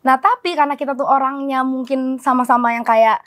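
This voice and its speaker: A young woman, her voice sitting a little high. She chats casually, telling stories and acting out what people said. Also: a little fast. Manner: animated storyteller, acts out quotes. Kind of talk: casual chat.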